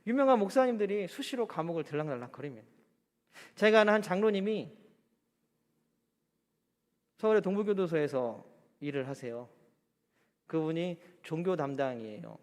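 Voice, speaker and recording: A man's voice: a little high, expressive, moderate pace, long pauses, darkish tone. A male pastor giving a sermon. He asks the congregation rhetorical questions and acts out quoted speech in a chatty voice. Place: church. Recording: long hall reverb.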